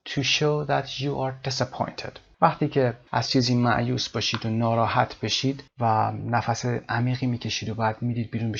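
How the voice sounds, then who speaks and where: Gravelly-voiced male language teacher. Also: medium pitch, fairly bright tone. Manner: reads English slowly, then explains quickly in Persian. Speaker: English teacher. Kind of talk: language lesson explaining vocabulary. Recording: dull lo-fi recording.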